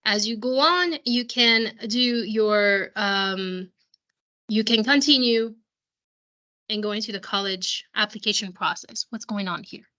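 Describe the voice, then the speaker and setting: Over a video call with a lo-fi sound, a woman school counselor with a failing voice explains a software walkthrough to parents. She's unhurried and medium-pitched, frequently starting her sentences over.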